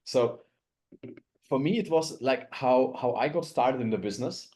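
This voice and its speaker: Austrian-born man coaching in a relaxed voice. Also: mid-range voice, unhurried. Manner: chatty, repeats and restarts phrases, acts out quoted dialogue. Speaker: network marketing coach. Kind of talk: coaching talk in a group call.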